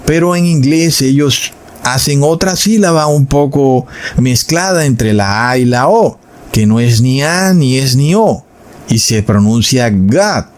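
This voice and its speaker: A man's voice: mid-range voice, lively intonation, a little slow, darkish tone. A man giving an explanatory commentary on religion, teaching in a didactic way, addressing listeners as brothers, and demonstrating pronunciations aloud. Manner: demonstrates pronunciations and baby babble.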